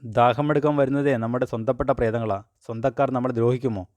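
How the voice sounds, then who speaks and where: A man's voice: mid-range voice, fairly even intonation, fast, a little mellow, dry recording, lightly acted. Man voicing a superstitious, scolding old grandmother in a storybook reading, close and dry.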